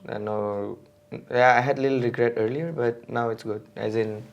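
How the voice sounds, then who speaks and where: This podcast guest is a mountain bike racer from India, a man in his 20s. His mid-range voice keeps a fairly even intonation at normal speed, and the recording's highs are cut off. His casual speech stumbles along with plenty of fillers and false starts.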